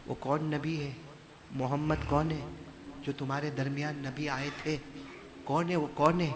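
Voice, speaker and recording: A man preaching a sermon to a gathering, passionate, swinging between loud chanting and calm talk and calling on the crowd to answer back. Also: a little high, long reverb tail, noisy background.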